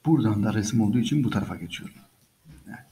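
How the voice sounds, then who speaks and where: A man's voice: fairly low pitch, expressive, rapid-fire, mellow, poor audio. A man teaching English by reading a story aloud and explaining each line patiently, repeating phrases and speaking to listeners as friends.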